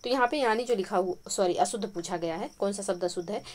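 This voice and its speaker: A woman takes listeners through exam questions one by one in a calm, explanatory lesson. She repeats each correct answer for emphasis. Crickets chirp faintly outside her home at night. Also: medium pitch, fast talker. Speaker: Hindi exam-prep teacher. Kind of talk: spoken quiz lesson.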